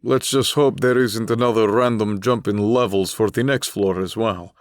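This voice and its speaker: A man voicing a wry male spirit companion, matter-of-fact, middle pitch, dry close mic. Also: fairly even intonation, moderate pace, no echo, lightly acted. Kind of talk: audiobook character reading.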